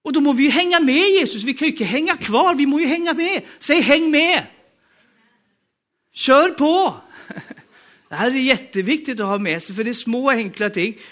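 A man's voice: very high voice, expressive, a bit bright. A man with a Norwegian accent preaching a sermon, emphatic and urging the congregation to respond.

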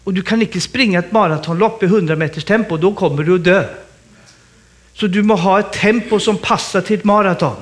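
A man preaching as a guest in a lively sermon, animated and exclaiming, laughing often. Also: high voice.

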